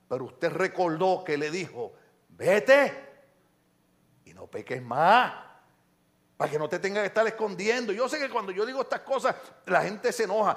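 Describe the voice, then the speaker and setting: A man delivers a sermon. He preaches with lively swings between loud outbursts and hushed asides. He acts out the quotes of people in his stories. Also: sits high. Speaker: pastor.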